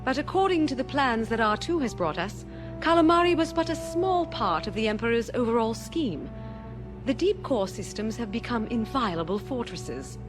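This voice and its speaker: An actress playing a resolute, earnest princess and rebel leader, composed and articulate, in a space-opera audio drama. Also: female voice, a little high, expressive, moderate pace, music in the background, lightly acted. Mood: authoritative. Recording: orchestral score under the voice.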